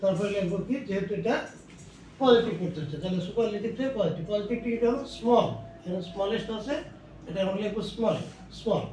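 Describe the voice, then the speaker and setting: A man with a Bangladeshi accent teaches English grammar in a slow, drawn-out way, repeating each phrase as he writes it out. His voice sits high. It is recorded from a distance in a very echoey room with faint background noise. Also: mellow. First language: Bengali. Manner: slow and repetitive, spelling out each word as he writes, mixing Bengali and English. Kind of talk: slow classroom explanation while writing on a board.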